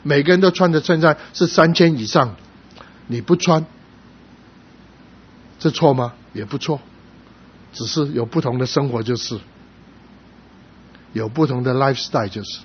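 A middle-aged male pastor preaching a sermon, telling stories with sudden loud emphatic rises. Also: mid-range voice, normal speed, long pauses. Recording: slightly dull sound with faint noise.

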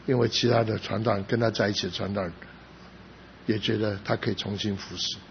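A middle-aged man preaching a sermon as a pastor, telling a personal story with rising emphasis and sudden soft drops. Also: fairly low pitch, fairly even intonation, a little fast, vocal fry. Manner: emotional storytelling, rising to loud emphasis then dropping soft. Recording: slightly dull recording with faint background noise.

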